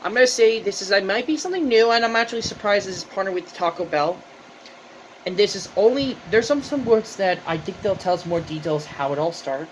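A man reviewing fast food for his channel, talking with his mouth full and rambling as he restarts his sentences. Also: high voice, lively intonation, a little hiss or hum, rough recording. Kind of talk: casual food review vlog.

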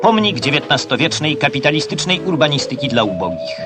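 A man narrating an old newsreel in a formal, measured, official tone. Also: a little high, big pitch swings. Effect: old newsreel soundtrack. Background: loud music.

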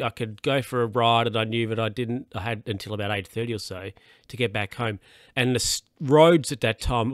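A man's voice: mid-range voice, clear, resonant tone, dry recording, studio quality. An Australian man hosting his own podcast, rambling casually with lots of fillers and restarts, a little tired. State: yawning, a bit tired. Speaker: podcast host. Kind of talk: casual solo podcast monologue.

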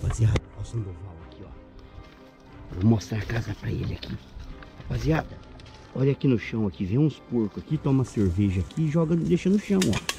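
A man with a Brazilian accent talks excitedly to his followers on camera, coaxing and calling out over and over. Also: medium pitch, a little fast, music in the background. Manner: coaxing, repetitive, calls out often. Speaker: vlogger.

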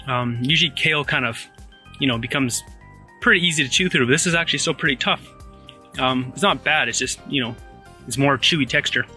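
A man hosting a casual food vlog, talking while chewing, relaxed and rambling with frequent ums. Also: mid-range voice, a little fast, soft background music. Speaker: channel host.

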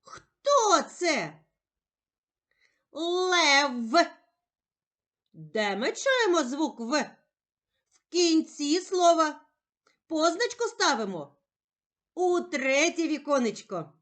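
A woman teacher speaking slowly and carefully in a sing-song voice, giving a reading lesson for young children. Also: high-pitched, sing-song, a bit bright. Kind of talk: slow, clearly articulated children's reading lesson.

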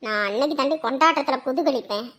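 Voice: sits high, fast talker, fairly bright tone. A performer voicing a bossy older woman who bullies the others in her room, barking harsh, scolding orders in a cartoon comedy. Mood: domineering.

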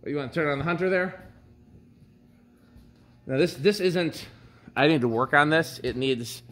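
Inside a wooden barn, a man gives a casual, unscripted tour of his fan collection, explaining the technical details as he goes. His voice is a little high and fairly bright, at a normal speed. It's a handheld recording with background noise.

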